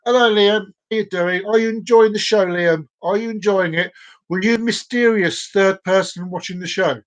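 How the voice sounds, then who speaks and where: A man's voice: high voice, steady tone, moderate pace. A man in his forties hosts a live stream and talks straight to his viewers. He rambles playfully, repeats words and phrases, and keeps the chat loose and casual. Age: 40s.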